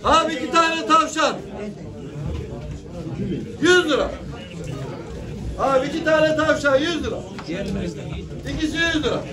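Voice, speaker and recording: A middle-aged man working as an auctioneer, loudly and repetitively calling out prices and bids. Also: extremely high pitch, unhurried, pauses often. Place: indoor poultry auction hall. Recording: distant mic, busy crowd, crowing birds. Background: crowd chatter, roosters and chickens.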